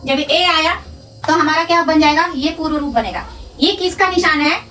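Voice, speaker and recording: A woman teaching a grammar lesson, asking questions and answering them herself, repeating terms slowly. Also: high-pitched, pushed and bright, a little hiss or hum. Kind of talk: classroom-style lesson. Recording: distant from the mic.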